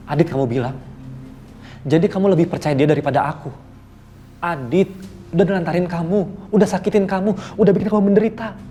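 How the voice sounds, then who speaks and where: A man's voice: on the high side, warm tone, close to an everyday voice. A man playing Raka, a pleading evasive boyfriend. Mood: hurt jealous. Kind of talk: TV soap drama acting.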